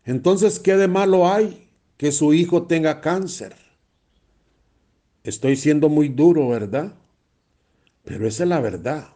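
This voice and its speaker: A man's voice: a little high, a little slow, long pauses, dark tone. A man, a priest preaching a blunt, emphatic sermon and repeating phrases for stress.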